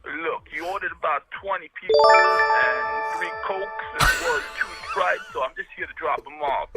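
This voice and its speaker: A man's voice: a little high, normal speed, over loud music, natural voice, poor audio. A man doing a pushy pizza delivery guy. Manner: insistent, talks over the host. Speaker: caller.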